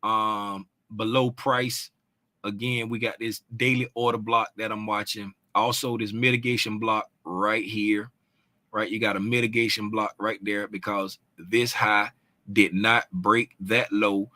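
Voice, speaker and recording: A trading educator speaks in a fairly low, flat voice at a measured pace, sharp in tone with no echo. He explains charts casually, using loose phrasing with restarts and repeatedly asking "right?" and "you know what I'm saying?"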